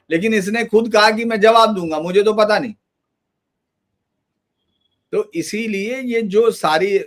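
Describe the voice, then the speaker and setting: A man's voice: high-pitched, a bit bright. A man giving emphatic political commentary in a loose, run-on conversational manner.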